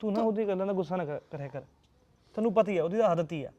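A man plays a devoted young husband out of work, speaking with a Punjabi accent in a soft, pleading, reassuring way. His voice sits a little high but sounds mellow and dark. The recording is slightly muffled and dull. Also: racing, close to an everyday voice. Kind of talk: Punjabi short-film acting.

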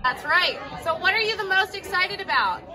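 A bubbly young woman interviews someone for a casual vlog, chatty and upbeat. Her voice is very high. A loud crowd roars behind her. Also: animated, normal speed. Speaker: vlogger interviewing a teacher. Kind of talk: casual chat.

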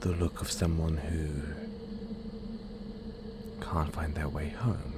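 In an audio roleplay, a man voices a werewolf who is playful, menacing and possessive, teasing the listener with a breathy, predatory half-whisper. His voice is very deep, his tone level and his pace slow, with a teasing, sinister mood. The recording is very noisy.

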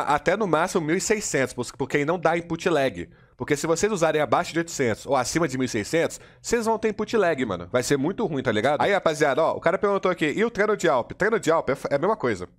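Brazilian male gaming coach, fast slangy delivery, repetitive step-by-step drilling, slightly high voice. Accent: Brazilian Portuguese. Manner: slangy and casual, demonstrating while talking, keeps saying "look" and "you know"; direct, repetitive drilling of steps. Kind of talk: live gameplay tutorial. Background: faint in-game gunfire and mouse clicks.

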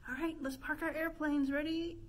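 Leading pretend-play storytime by a stone fireplace indoors, this librarian in her thirties quizzes young kids in a sing-song style. Her voice sits high, with a level tone and moderate pace.

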